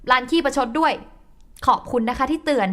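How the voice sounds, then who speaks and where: A woman's voice: sits high, brisk, a bit bright. A woman voicing an impulsive young wife who argues on the phone with sarcasm and hurt, in a radio drama. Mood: sarcastic. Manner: sarcastic, emotional.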